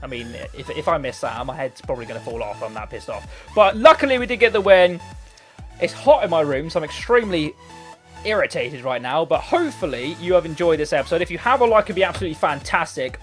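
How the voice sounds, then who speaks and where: Light background music sits under the hoarse voice of a young gaming commentator narrating his football video game match live in a hot bedroom. He's excitable, mumbling quietly through slow stretches and erupting into shouts at each chance.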